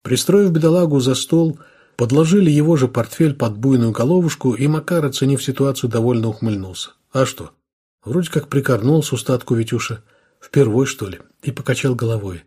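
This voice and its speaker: A male audiobook narrator telling a crime story in an even, steady reading. His voice is husky, at a middle pitch. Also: fairly quick. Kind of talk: scripted narration.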